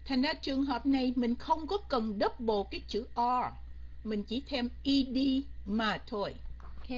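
A woman's voice: on the high side, takes it slowly, pauses often, dull audio. A woman teacher leading an online English grammar lesson, coaxing and quizzing her students and slipping English words in.

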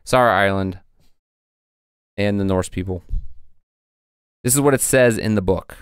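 A man's voice: lowish voice, moderate pace, smooth, no room sound, clean studio sound. A man co-hosting a casual podcast, reading passages from old texts with frequent fillers. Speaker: podcast co-host presenting research.

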